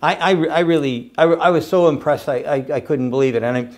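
With a slightly high, somewhat mellow voice and a slightly quick pace, this older host rambles eagerly through a relaxed interview, now and then stumbling on repeated words.

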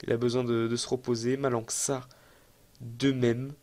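A young man giving casual, excitable let's-play commentary on a football management game, chatty and self-mocking as he thinks aloud. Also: medium pitch, normal speed. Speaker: gaming YouTuber.

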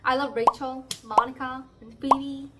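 Standing by a plain wall indoors, a Korean woman in her twenties cheerfully shares language tips directly to the camera in a Korean accent, playful and full of emphatic exclamations. Her voice is high-pitched with little pitch movement at a measured pace, over heavy background noise.

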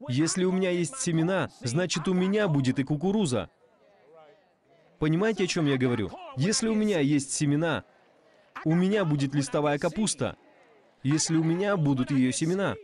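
Man dubbing a sermon, fairly high voice. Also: animated, fairly quick, a little mellow. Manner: repetitive, rhetorical questions to the audience. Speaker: voice-over translator of a preacher. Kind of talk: dubbed sermon.

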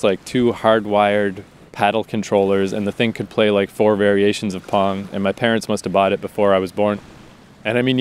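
Low-voiced Canadian man, rambling casually. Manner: rambling and casual, swearing freely, with frequent fillers. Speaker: podcast host and author. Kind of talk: casual spoken introduction.

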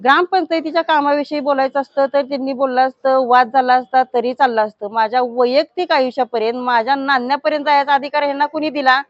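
A woman from Maharashtra, a village head, giving a forceful, indignant statement to the news media. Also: sits high, fairly even intonation, fast, few pauses, no room sound. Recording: dull lo-fi news recording.

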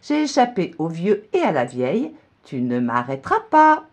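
A woman doing a shrill, cocky gingerbread man. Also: wildly swooping pitch, moderate pace. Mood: taunting. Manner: shrill, sing-song taunting chant. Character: cocky little gingerbread man, quick and mischievous.

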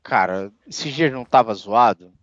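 A man co-hosting a casual gameplay livestream, slangy and relaxed, thanking viewers. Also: medium pitch, moderate pace, no echo, muffled recording. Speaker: streamer, co-host.

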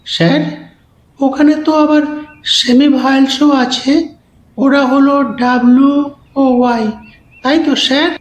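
A woman student reciting the English letters slowly and carefully in a lesson. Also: high-pitched, steady tone, reverberant, rough recording.

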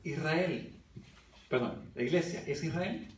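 A man preaching in a fairly high voice, recorded from a distance in an echoey church hall. He reads verses aloud and keeps asking the congregation questions. Faint background noise sits under the recording. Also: slow pace. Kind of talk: Bible study sermon.

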